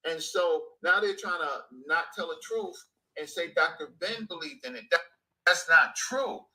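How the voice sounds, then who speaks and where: Emphatic man, 50s, higher bright voice, repeats for emphasis. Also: moderate pace, low-quality recording. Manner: emphatic, repeats phrases for stress. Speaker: guest speaker. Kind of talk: passionate conversation.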